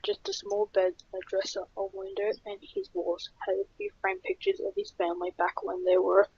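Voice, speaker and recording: A woman narrating a horror story in a plain, steady reading voice. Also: mid-range voice, moderate pace, gravelly, slight background noise. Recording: dull lo-fi.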